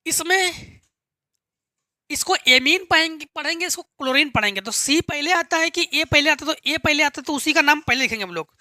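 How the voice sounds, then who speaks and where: A woman's voice: high-pitched, expressive, normal speed, bright, forceful tone, no echo, clean studio sound. A woman teaching a chemistry lesson step by step, patiently asking and answering her own questions and repeating key terms. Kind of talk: classroom lesson explaining step by step.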